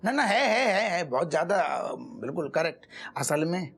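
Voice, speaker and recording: A man's voice: sits high, sing-song, normal speed, a bit bright, slightly rough, exaggerated voice. An actor playing a bumbling male village police constable, blustering and exasperated.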